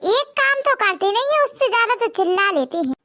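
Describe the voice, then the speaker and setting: A woman voicing a lazy, sharp-tongued village wife who scolds and boasts in rustic dialect in a cartoon. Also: extremely high pitch, animated, a little fast, no room sound, studio quality, exaggerated voice. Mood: scolding. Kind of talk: cartoon voice acting.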